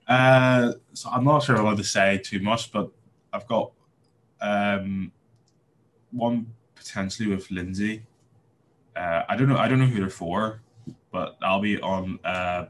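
A young man with a deep, fairly bright voice and a Belfast accent is a podcast guest making casual interview talk. He's from Northern Ireland and speaks hesitantly, with many fillers and restarts. A little hiss or hum runs through the clip.

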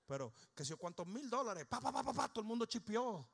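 A male pastor, preaching a humorous sermon that swings from shouting to low, joking storytelling. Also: big pitch swings, fast talker, vocal fry, husky.

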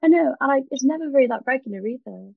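A woman's voice: sits high, expressive, quick pace, vocal fry, no echo, narrow, tinny audio. A woman with a Welsh accent in a casual chat, talking in a hesitant, giggly, conversational way.

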